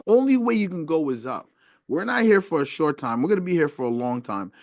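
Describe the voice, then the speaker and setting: A man's voice: fairly high pitch, sing-song, a little fast. A man co-hosting a casual podcast, speaking earnestly and repeating words as he encourages his listeners. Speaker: podcast co-host. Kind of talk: casual group podcast chat.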